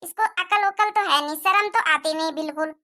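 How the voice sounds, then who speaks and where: A woman's voice: very high-pitched, brisk, pushed and bright, dry recording, studio quality. A woman voicing a nagging cartoon mother-in-law. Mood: complaining. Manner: scolding, complaining at length. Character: nagging middle-aged mother-in-law, jealous of her son's wife. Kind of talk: Hindi cartoon moral-story voice acting.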